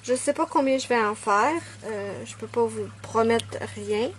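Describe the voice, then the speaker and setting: A woman chatting casually at home through a nail art tutorial, self-mocking and quick to apologize. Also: on the high side.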